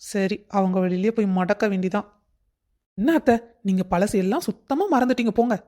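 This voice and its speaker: A woman's voice: medium pitch, a little fast, warm tone, close to an everyday voice. A woman voicing a crafty young daughter-in-law in a cartoon story. She sweet-talks and puts on tearful pleading. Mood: scheming. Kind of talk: cartoon voice acting.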